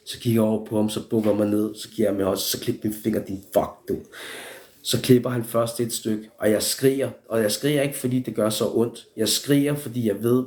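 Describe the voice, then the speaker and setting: A young man tells a story on a casual live stream. He rambles, swears freely and restarts his sentences again and again. His voice sits at an ordinary middle pitch for a man. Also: darkish tone, slight background noise. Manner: rambling, profane, with many restarts.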